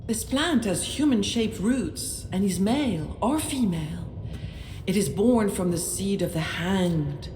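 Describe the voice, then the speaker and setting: A woman narrating a medieval role-playing game in a measured storybook manner, sometimes dropping to a hush. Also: medium pitch, expressive. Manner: measured, with occasional hushed whispers. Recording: roomy echo, faint noise.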